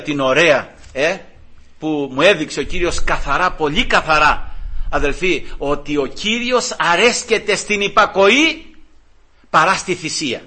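Casting: male preacher, high and bright, storytelling sermon to the congregation. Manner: storytelling, repeatedly addressing the congregation.

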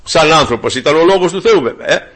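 Husky-voiced fervent male preacher. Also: on the high side, lively intonation, fairly bright tone. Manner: rhetorical questions, repeats key phrases; fervent, emphatic. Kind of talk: sermon.

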